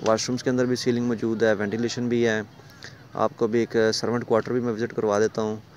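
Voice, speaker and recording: A man's voice: lowish voice, flat delivery, quick pace, a little hiss or hum. A man with a Pakistani Urdu accent gives a walking tour of a rental house. He talks in a salesy way and keeps pointing things out to the viewer. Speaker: property dealer giving a house tour. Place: large empty house, indoors and on stairs. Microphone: phone camera held while walking.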